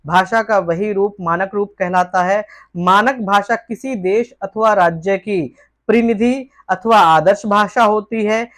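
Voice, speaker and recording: A woman's voice: mid-range voice, a little slow, a bit bright. Woman tutor reading out exam answers. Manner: poses each question aloud, then reads out a formal, textbook-style answer. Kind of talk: exam-prep lesson.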